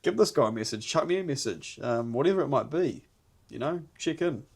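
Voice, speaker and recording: A man's voice: mid-range voice, lively intonation, brisk, gravelly, a little mellow, breathy edge. Kiwi man chatting earnestly, broad accent. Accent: New Zealand. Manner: earnest, rambling, slangy. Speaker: podcast host. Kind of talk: casual podcast chat.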